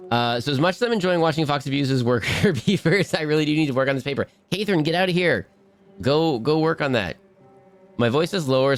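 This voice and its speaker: A man casually chatting while streaming a game, upbeat and talkative, reading chat aloud. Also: medium pitch.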